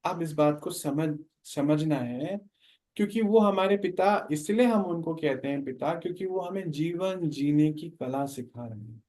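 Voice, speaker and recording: A man leads a spiritual class, his voice pitched slightly high. He explains patiently and keeps turning questions back to his listeners. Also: measured pace, dark tone. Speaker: spiritual teacher.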